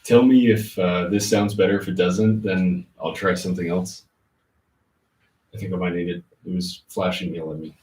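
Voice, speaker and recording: A man hosting a casual livestream, answering chat comments informally and thinking aloud in a halting way. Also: low voice, steady tone, a little mellow, a little hiss or hum. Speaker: livestream host. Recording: roomy, muffled, distant laptop-like mic.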